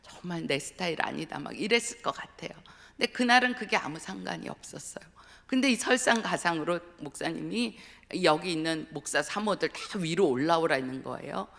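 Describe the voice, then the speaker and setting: A middle-aged woman giving an earnest sermon with personal testimony, often dropping to a hushed whisper for emphasis. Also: on the low side, lively intonation, brisk, creaky. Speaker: guest speaker at a dawn revival service. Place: church sanctuary. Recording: long church hall reverb.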